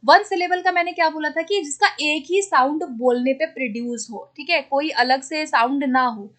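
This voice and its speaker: A woman teacher explains grammar rules for exam students. She asks a question, then answers it herself, and checks in with a quick "okay?" along the way. She says the example words slowly and more than once. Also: high-pitched, fairly bright tone. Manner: spells out words slowly and repeats them. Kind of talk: exam-prep grammar lesson.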